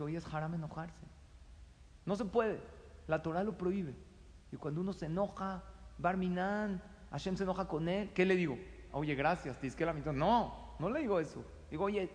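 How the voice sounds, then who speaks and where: A middle-aged man with a Mexican accent gives a conversational advice talk, acting out the quoted exchanges in a lively way. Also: on the high side. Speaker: speaker giving advice. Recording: long hall reverb.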